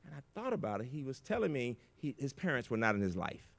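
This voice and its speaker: An older man giving an inspirational keynote speech at a conference, telling stories with big emotional swings in loudness. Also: mid-range voice, sing-song, quick pace, gravelly. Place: large conference auditorium. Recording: reverberant conference hall.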